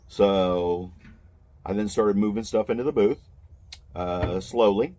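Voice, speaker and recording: Older man, low voice, plain-spoken and aggrieved, casual rambling storyteller. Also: slow pace, warm tone, a little hiss or hum. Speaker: mall booth vendor. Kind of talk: casual first-person storytelling.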